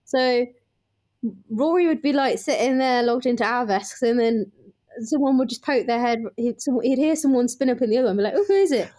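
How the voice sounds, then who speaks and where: A woman on a robot-fighting team, telling a lively story in casual podcast chat. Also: on the high side, brisk, dry recording. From United Kingdom.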